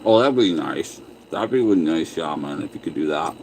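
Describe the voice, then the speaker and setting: A man's voice: rumbling low, expressive, normal speed, darkish tone, a little hiss or hum, poor audio. A man chatting casually on a livestream while eating, answering viewer comments and talking with his mouth full. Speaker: livestream host.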